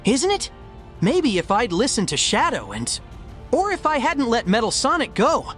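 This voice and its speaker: Sonic the Hedgehog, very animated man voicing him. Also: extremely high pitch, moderate pace, soft background music, exaggerated voice. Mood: guilty. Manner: casual, slangy, youthful. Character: cocky, kind-hearted young male hero hedgehog. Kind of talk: comic dub voice acting.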